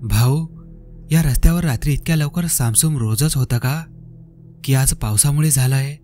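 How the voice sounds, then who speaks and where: A man's voice: mid-range voice, normal speed, dark tone, a little hiss or hum, lightly acted. A man voicing a curious young male traveler who keeps asking questions. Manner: asks questions.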